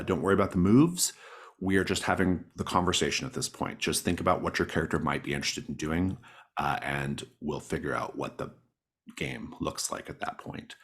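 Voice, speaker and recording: A man with a deep, husky voice and a fairly bright tone acts as game master, casually walking his players through the rules and setting. He's encouraging and keeps affirming their ideas.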